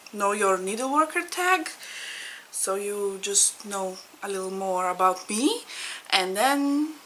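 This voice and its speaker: Her mid-range voice comes across pushed and bright, while the poor audio carries a little hiss or hum. A native Russian speaker from Latvia in her thirties, she vlogs about needlework from her home in Ireland, chatting casually, laughing a lot and groping for words.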